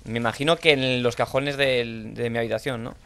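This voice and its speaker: A young man with a Spanish accent from Spain, playing a horror game and thinking aloud in low mutters, now and then shouting out. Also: fairly even intonation, a little fast, gravelly, clean tone. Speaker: gaming streamer. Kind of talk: horror let's play commentary.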